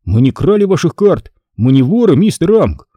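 A man reading an audiobook, voicing a nervous boy who stammers and talks excitedly. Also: fairly high pitch, moderate pace, no room sound, pitched above the performer's own voice. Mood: anxious. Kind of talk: audiobook character voice.

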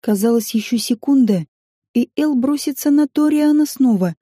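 A woman narrating a science-fiction audiobook in an even, measured reading. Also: high voice, breathy edge, dry recording, studio quality.

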